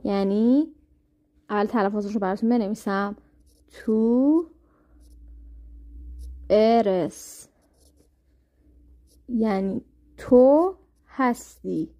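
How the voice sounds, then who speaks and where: A woman giving a step-by-step language lesson, saying new words slowly and carefully. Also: medium pitch, mellow. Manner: slow, careful spelling-out of words. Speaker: language teacher. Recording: muffled lo-fi audio.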